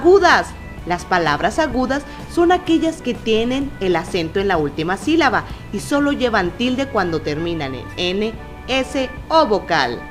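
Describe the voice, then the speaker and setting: Woman teacher, lively pitch, scripted kids' lesson, stretches example words.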